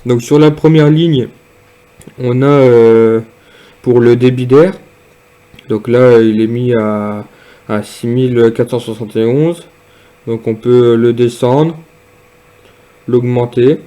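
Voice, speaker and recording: A man's voice: medium pitch, steady tone, dark tone. Hesitant man demonstrating gear. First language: French. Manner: hesitant, many pauses and fillers. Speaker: product reviewer. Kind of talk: casual product demonstration.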